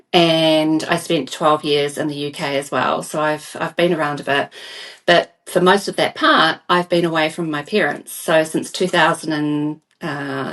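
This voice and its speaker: A woman from New Zealand with a low voice speaks as a podcast guest. She is earnest and soft-spoken and often repeats a word as she begins. She sits a little back from the mic. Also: far from the mic. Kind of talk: podcast interview.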